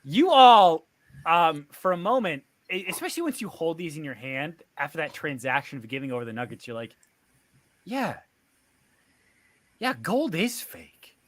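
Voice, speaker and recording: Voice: medium pitch, expressive, fairly quick. A game master narrating a tabletop game in an easygoing way. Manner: easygoing, filler-heavy narration.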